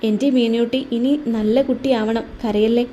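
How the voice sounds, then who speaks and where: A fierce, protective young man in a storybook romance, voiced by a woman narrator. He bursts out in loud anger and turns gentle toward the girl he loves. The voice sits high and soft-toned. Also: fairly even intonation, normal speed, slight background noise, natural voice. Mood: tender. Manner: angry, loud outbursts, then tender.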